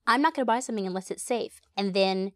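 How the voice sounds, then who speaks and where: A woman guest expert explaining household safety in a relaxed, earnest conversational way. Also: mid-range voice, fast, no room sound, studio quality. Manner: earnest, explanatory, fillers like "you know". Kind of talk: conversational interview answers.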